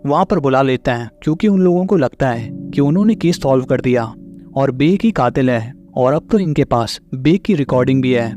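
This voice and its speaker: Film की कहानी सुनाता पुरुष, हल्का संगीत पीछे. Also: male voice, mid-range voice. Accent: Hindi. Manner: steady storytelling, long linked sentences. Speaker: movie recap narrator. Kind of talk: scripted narration. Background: faint background music.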